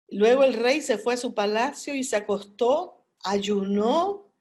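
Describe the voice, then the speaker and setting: Slow-preaching woman Bible teacher. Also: on the high side, a little mellow. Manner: emphatic preaching, addresses listeners directly; reads scripture verses aloud with commentary. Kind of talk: Bible study sermon.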